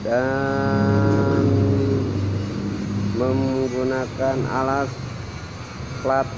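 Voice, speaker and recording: A man's voice: medium pitch, monotone, extremely slow. A man who runs a metal workshop, casually narrating his footage and explaining measurements step by step. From Indonesia. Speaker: workshop owner showing his work. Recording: loud background noise.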